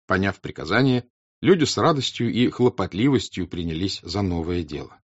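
Husky, low-voiced male narrator. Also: animated, moderate pace. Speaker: audiobook narrator. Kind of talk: scripted literary narration. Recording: slightly dull, dry recording.

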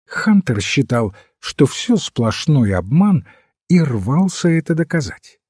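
A gentle, thoughtful old priest who untangles a mystery by calm reasoning, as a male reader plays him. His speech is unhurried and lively in pitch. The tone is mellow and a little husky. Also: dry recording, studio quality, heavily acted. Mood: explaining. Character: mild, thoughtful elderly male priest-sleuth.

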